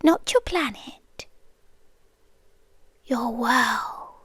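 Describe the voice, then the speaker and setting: Heard up close in a dry recording, this high, soft British woman plays a knowing, whimsical keeper of maps from another world for ASMR. Her exaggerated, lively intonation unfolds extremely slowly, with musing, deliberate phrasing, dramatic pauses, and frequent slips into a breathy whisper. The atmosphere is hushed and mysterious.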